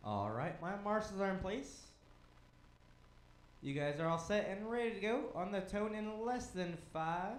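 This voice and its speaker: High-voiced man calling a race. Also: expressive, echoey room. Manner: brisk, clipped commands and standings. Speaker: race director. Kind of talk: live race calling over a PA.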